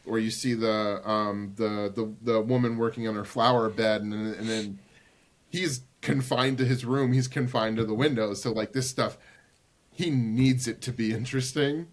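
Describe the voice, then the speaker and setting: A man's voice: lowish voice, steady tone, moderate pace. A man in his thirties co-hosting a podcast, talking in a loose, meandering way with many filler words. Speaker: podcast co-host. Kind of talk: casual chat.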